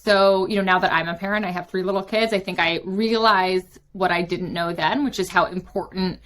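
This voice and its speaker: A woman's voice: on the low side, steady tone, moderate pace, a bit bright. A woman in her thirties who grew up in London, a guest talking chattily with many fillers. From London, England. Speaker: guest, company founder. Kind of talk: interview.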